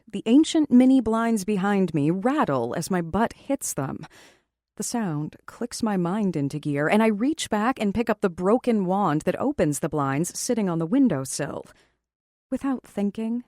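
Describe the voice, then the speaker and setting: Lively, wry woman narrator. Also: medium pitch, no echo, clean studio sound. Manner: wry, sarcastic, expressive. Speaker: audiobook narrator. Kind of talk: first-person romance narration.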